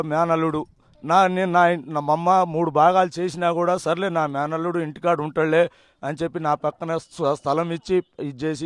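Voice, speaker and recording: Agitated man, clear dry voice. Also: fairly high pitch, no echo. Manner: agitated, halting, with many restarts. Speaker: villager, relative. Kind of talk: interview answer.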